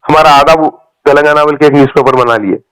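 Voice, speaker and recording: The recording is dry, capturing a fast, smooth male voice that is on the high side, a bit bright, and fairly even in intonation. He has a Hyderabadi accent, hails from Telangana, India, and as a party supporter he rants about politics on a recorded phone call, emphatically and colloquially, with frequent repetition.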